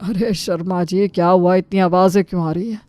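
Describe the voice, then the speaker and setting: A flustered young man in a cartoon, voiced by a woman talks his way out of trouble with placating excuses. The voice sits low and mellow, and the sound is dry and close. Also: steady tone, normal speed, no echo, close to an everyday voice.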